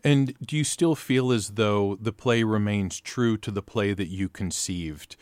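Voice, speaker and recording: A man interviews a playwright, building his questions in long, thoughtful layers. His voice sits low. It is recorded close and dry. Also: measured pace, a little mellow, dry recording. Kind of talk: interview conversation.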